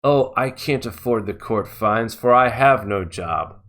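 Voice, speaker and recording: A man's voice: mid-range voice, animated, measured pace, a bit bright. A man voicing a self-pitying young male protester with a mock Australian accent, whining and pleading. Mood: whiny pleading.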